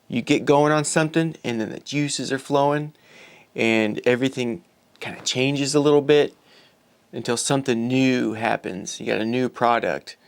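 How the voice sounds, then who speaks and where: Speaking in a smooth, mid-range voice with vocal fry, a video creator in his forties shares personal thoughts. The talk is casual, aimed at viewers, and drifts into reflective personal narration.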